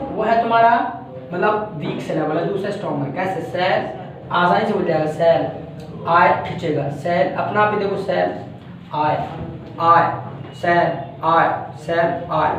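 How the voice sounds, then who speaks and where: A man's voice: high voice, a little hiss or hum. An Indian man teaching a class, explaining step by step and repeating each point, checking that students follow. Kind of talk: classroom lecture. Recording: very echoey room from far off.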